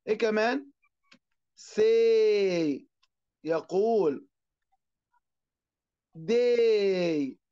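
A man with an Egyptian Arabic accent teaching an online class. He asks and answers his own questions and draws out English words slowly. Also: sits high, a little mellow, muffled recording.

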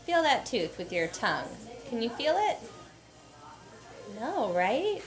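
A woman's voice: on the high side, very animated, slow, faint music behind. A woman in her thirties chatting casually as a parent vlogger, with an encouraging, reassuring way of talking. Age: 30s. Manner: encouraging, reassuring with simple questions to child. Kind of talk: casual vlog chat and talk to a small child. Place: in and around a car, car park, clinic room. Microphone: camera at arm's length. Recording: noisy handheld recording with vehicle ambience.

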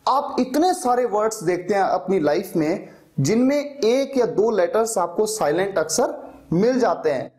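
A man's voice: high voice, lively intonation, moderate pace, darkish tone. Patient man teaching a spoken lesson. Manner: explains patiently, asks questions and answers them himself. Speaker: English teacher.

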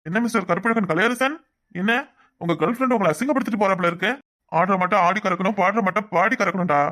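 A man's voice: sits high, quick pace, bright, forceful tone. A man voicing a smug, fair-skinned young rival in a cartoon, taunting and sneering, with a Kanyakumari Tamil accent. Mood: mocking. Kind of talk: cartoon voice acting.

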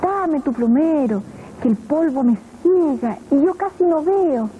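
A woman's voice: high-pitched, expressive, measured pace, pitched above the performer's own voice. A woman voicing the east wind as a pleading, dust-blinded figure in a storybook tale. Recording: lo-fi old TV tape audio.

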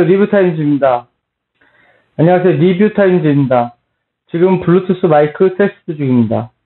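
A middle-aged male product reviewer with a high voice presents a scripted-style test to camera in a plain small indoor room, announcing in a repetitive way. He speaks through various Bluetooth earphone and neckband mics, so the sound is dull, muffled and lo-fi.

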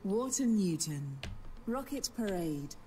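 A woman's voice: mid-range voice, background noise. A woman voicing a spliced-together automated station announcer. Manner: flat, evenly spaced, unhurried delivery. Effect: spliced-together recorded words, each station name a separate clip. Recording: game audio over crowd murmur.

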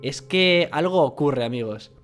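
A man's voice: a little high, lively intonation, unhurried, faint music behind. A young man from Spain with a Spanish accent, commenting in a casual, jokey, profane way as a YouTube host.

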